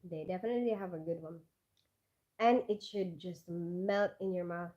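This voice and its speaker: A woman with a warm, low-leaning voice speaks steadily at a normal speed, and the highs in the audio are cut off. She's a vlogger in a casual live chat, reading out comments in a chatty style heavy with fillers and asides.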